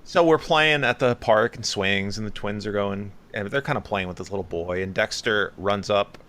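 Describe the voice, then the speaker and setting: A man's voice: lowish voice, moderate pace, fairly bright tone, slight background noise. A man in his thirties, a podcast co-host telling stories in casual chat and acting out other people's voices.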